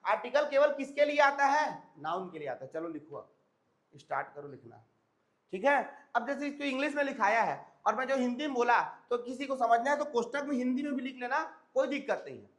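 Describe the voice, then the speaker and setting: A hoarse man teaching a grammar lesson to a class, often stopping to check whether students have understood. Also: very high-pitched, lively intonation, fairly quick, fairly bright tone. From India. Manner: repeats check-in questions to students.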